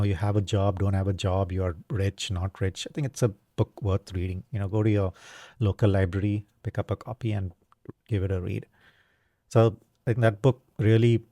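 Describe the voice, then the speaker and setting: Low, mellow-voiced man musing aloud. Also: dry recording, clean studio sound. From India. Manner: casual, thoughtful, many fillers and tag questions. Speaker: podcast host. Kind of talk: reflective solo talk.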